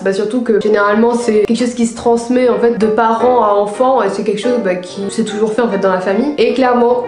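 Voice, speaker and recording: Young female vlogger, higher-pitched voice, casual slangy storytelling, noticeably roomy sound with music behind. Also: a little mellow. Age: young adult. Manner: informal, slangy speech with swearing and English slang. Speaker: video creator and host. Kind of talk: casual chatty anecdote vlog.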